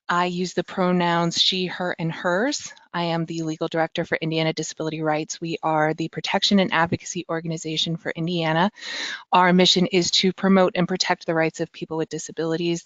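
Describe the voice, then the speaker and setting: An American woman speaks in front of an audience in an informal, conversational presenting style. Her voice sits a little low for a woman. The sound is dry and slightly muffled, with hardly any room in it. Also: dry recording. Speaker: legal director and invited speaker.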